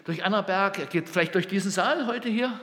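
A man preaching to an audience in a hall, telling stories with emotion and moving between loud calls and hushed asides. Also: high voice, fairly quick. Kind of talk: sermon. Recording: long reverb of a hall.

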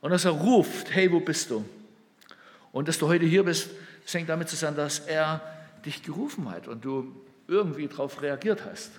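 A man with a fairly high voice preaches a sermon, full of feeling, going from ringing calls down to near-hushed asides. His voice rings out with the long reverb of a hall. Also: moderate pace. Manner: emotional storytelling, swings between loud calls and near-hushed asides. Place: hall with a gathered audience.

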